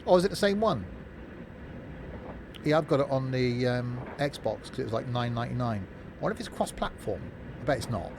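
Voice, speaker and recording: Streaming a train simulator, a mid-pitched man riffs casually and jokes around, sliding between commentary and replies to his chat. He talks fairly quickly with frequent pauses, his streaming mic running through a mixing desk, while steady noise and vehicle rumble sit clearly behind him.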